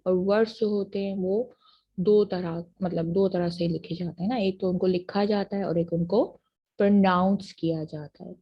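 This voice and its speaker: A woman university lecturer with a Pakistani accent, explaining terms patiently and reading English definitions slowly, in a muffled lo-fi recording. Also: medium pitch. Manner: patient, repeats checks like "theek hai ji" after each point. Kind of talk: classroom lecture mixing Urdu and English.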